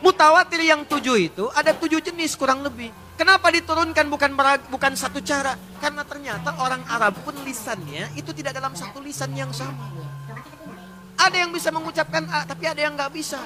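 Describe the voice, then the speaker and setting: A male preacher giving a lively storytelling sermon, now and then chanting verses slowly. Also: very high voice. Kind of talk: Islamic sermon.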